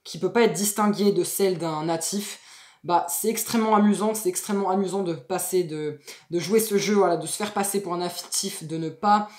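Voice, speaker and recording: A woman co-hosting a language-learning video, talking in slangy casual chat that trails off softly at the ends of phrases. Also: on the low side, a little fast. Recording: echoey room.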